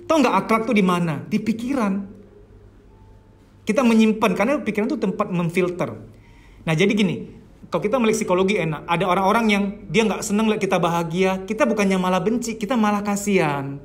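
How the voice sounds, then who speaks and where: A therapist with a high voice lectures a workshop group in a lively, casual way. He speaks straight to his listeners and poses rhetorical questions as he teaches. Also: quick pace. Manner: casual colloquial speech mixed with teaching terms. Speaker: therapist leading a healing workshop. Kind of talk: seminar lecture to a live group.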